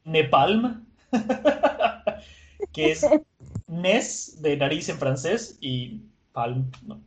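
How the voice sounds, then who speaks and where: Talk like a man retelling an episode to a friend, chatty and lively, pitch a bit high for a man. Let the fillers flow. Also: very slow. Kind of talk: casual anime episode recap.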